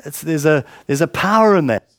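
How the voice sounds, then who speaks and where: Speaking a little fast, the preacher has a fairly high, expressive, slightly bright voice with no echo. He wanders conversationally through his church hall sermon with many fillers and asides, holding a mic with a weak battery.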